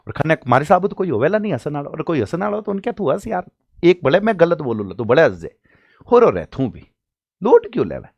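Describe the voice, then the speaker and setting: An animated young man runs an English exam-prep class, playing his students' questions back and answering them himself. His pitch swings widely from line to line. The sound is close and dry. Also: a little fast, gravelly, husky, no room sound, dull audio. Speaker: teacher.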